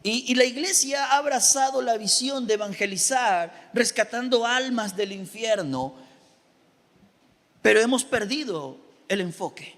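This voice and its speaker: A pastor preaching a lively sermon, repeating phrases for emphasis and asking the congregation questions. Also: male voice, very high-pitched, measured pace, long reverb tail. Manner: animated preaching with repetitions and rhetorical questions.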